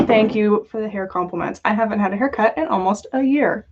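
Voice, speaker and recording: Joking around playfully with her viewers, this woman hosts a casual podcast livestream in a mid-range voice. The dull, lo-fi stream audio carries a little hiss or hum.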